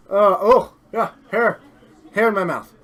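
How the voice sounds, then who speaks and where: A man hosting and commentating a live card game stream has a fairly high voice that strains as he slowly loses it. He's chatty and excitable, eagerly hyping the match and laughing self-deprecatingly at his own slips.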